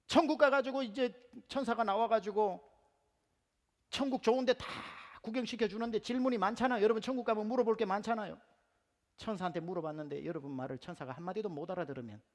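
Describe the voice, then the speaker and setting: Gyeongsang-born pastor man preaching, bit gravelly, big echoey church hall. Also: fairly high pitch. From Gyeongsang province, Korea. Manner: animated storytelling with humor, acts out quotes. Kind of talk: sermon. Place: church sanctuary.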